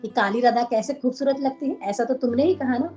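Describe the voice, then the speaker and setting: A woman's voice: fairly high pitch, fairly quick, warm tone, soft background music, voice pushed up, lightly acted. A woman voicing a proud, playful young god who boasts and sulks, in a devotional story, on a dull lo-fi recording. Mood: sulky. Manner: sulking, childish boasting.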